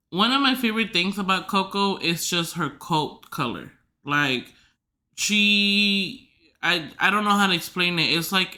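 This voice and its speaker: A young woman chatting casually on her podcast, her voice very bright and forward. She rambles and fills her sentences with "like," slipping in giggly asides as she goes. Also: sits low. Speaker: podcast host. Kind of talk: casual chat.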